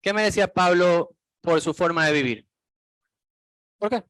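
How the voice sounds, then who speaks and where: A man's voice: sits high, measured pace, a bit bright, no echo. A man preaching a sermon as pastor, reading Bible verses aloud and putting many questions to the congregation.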